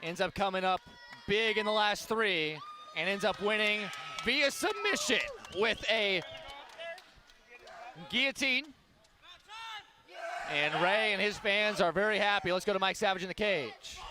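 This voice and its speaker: High-voiced guy calling the fight, yells on the big moments, crowd going nuts behind. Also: a little slow, long pauses. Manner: excited, shouting at big moments. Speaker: play-by-play commentator. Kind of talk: fight commentary.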